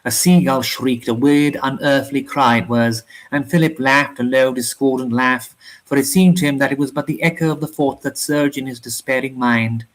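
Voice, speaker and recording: A man reading an old short story aloud, steady, with occasional slips and restarts. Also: medium pitch, moderate pace. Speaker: audiobook reader.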